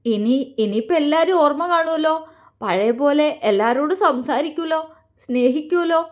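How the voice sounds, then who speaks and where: Heartbroken young woman in a storybook reading, voiced by a woman narrator, soft and halting, repeating her words as she holds back tears. Her voice sits high and thin, lifting higher still when she pleads. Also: close to an everyday voice. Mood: tearful, pleading. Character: young woman, heartbroken, tearful and self-effacing.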